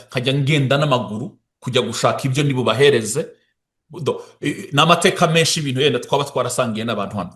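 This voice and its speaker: A man who speaks and interprets, talking fast and often stopping to restart his words. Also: mid-range voice.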